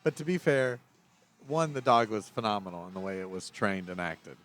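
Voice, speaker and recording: A middle-aged man co-hosts a casual film review podcast, rambling, correcting himself and chuckling as he goes. His fairly low, fairly bright voice is expressive at a moderate pace, with soft music in the background.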